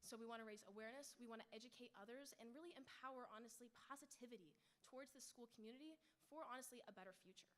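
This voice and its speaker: A woman's voice: a little high, rapid-fire, hardly any pauses, a bit bright, a little hiss or hum. A young woman in her late teens giving an informal public presentation as a student. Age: teens, high school senior.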